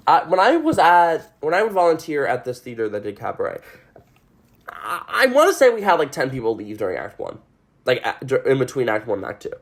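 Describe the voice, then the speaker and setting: Rambling, excitable podcast host. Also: male voice, medium pitch. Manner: rambling, excitable, swears a lot; many fillers and restarts. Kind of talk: casual chat.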